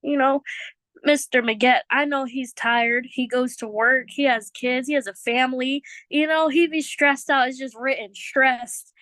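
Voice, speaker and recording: A woman with a fairly high voice, recorded close and dry, speaks from personal experience. Her first language is Chamorro, and her casual testimony is earnest and emotional. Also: fairly even intonation, measured pace, fairly bright tone, no echo.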